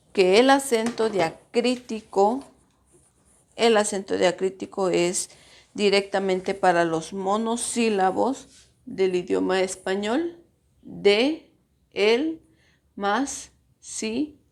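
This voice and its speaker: A woman teacher explaining a grammar lesson to her pupils, patiently stretching out syllables to show where the stress falls. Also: medium pitch. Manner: addresses pupils directly.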